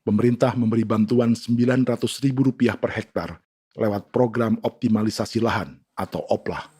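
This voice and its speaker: A man reading a scripted news documentary narration in a measured, even way. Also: fairly low pitch, husky.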